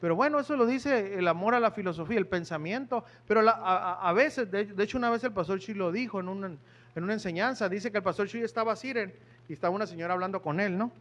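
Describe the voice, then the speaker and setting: A man's voice: high voice, fast, a bit bright. A man preaching a sermon in church, talking conversationally and asking the congregation questions.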